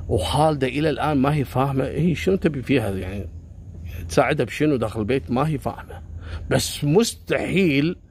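Man, animated storyteller, quick delivery, husky gravelly voice. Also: medium pitch. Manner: animated, acts out every character. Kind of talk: casual spoken storytelling.

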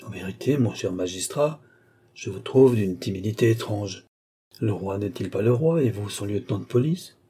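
A man's voice: fairly low pitch, lively intonation, moderate pace, warm tone, slightly rough. Man reading as a haughty impatient nobleman.

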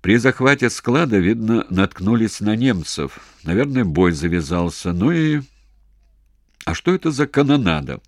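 A man voicing a calm, composed general who questions and grumbles in a level voice. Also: on the low side, normal speed, no echo, clean studio sound. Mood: calm, grumbling. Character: cool-headed male general at headquarters, gruff.

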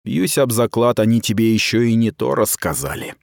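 A man's voice: fairly low pitch, sing-song, normal speed, vocal fry, no room sound, clean studio sound. A man reading the part of a hot-tempered, desperate young woman investigator in a storybook reading. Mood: urgent. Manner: urgent, defiant, pleading.

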